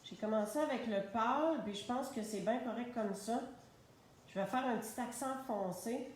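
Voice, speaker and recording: Speaking at a normal pace in a fairly high voice, this woman with a Québécois French accent leads a live tutorial on stamping and coloring. She talks through every step in a relaxed, chatty way, and the recording picks up heavy echo and faint noise.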